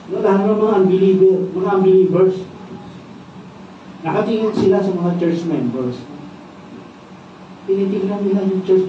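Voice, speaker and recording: A man's voice: high voice, slight background noise. A man with a Filipino accent preaching a sermon as pastor, asking his congregation questions and tagging his lines with "no?". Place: church worship service. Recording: echoey, distant and dull church sound.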